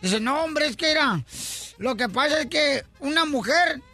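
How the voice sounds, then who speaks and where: Rowdy high-voiced radio host. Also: male voice, expressive, a little slow. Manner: loud, rowdy, playful. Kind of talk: joke-telling radio banter. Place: radio studio.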